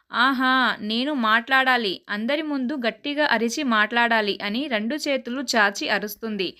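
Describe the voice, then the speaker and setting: Bright-voiced woman narrating a story. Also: fairly high pitch. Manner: reads all characters' lines in her own narrating voice.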